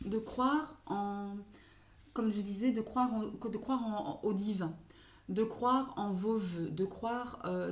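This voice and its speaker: A woman's voice: medium pitch, a little mellow. Hesitant French-speaking woman, echoey room. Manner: hesitant, searching for words with many fillers; mixes in English phrases. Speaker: astrology card reader. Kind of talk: casual spoken tarot guidance.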